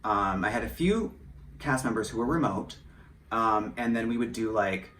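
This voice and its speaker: A man from rural Michigan, an American who writes and produces audio dramas and performs in drag, speaks candidly and with opinions in a casual interview. His lowish voice has a fairly bright tone at a normal speed, recorded in a roomy indoor home studio with a distant mic and faint background noise.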